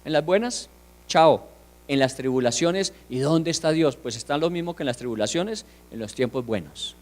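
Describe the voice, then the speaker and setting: Emphatic pastor, high-pitched man. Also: animated, normal speed. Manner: emphatic, rhetorical questions, swings from hushed to loud. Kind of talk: sermon.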